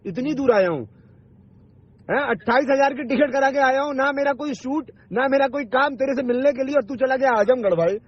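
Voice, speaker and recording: In a dull, lo-fi recording of a phone call, a man who makes online videos fights with the other party, pushy and combative, cursing and saying things over and over. His husky voice is very high-pitched and fairly quick.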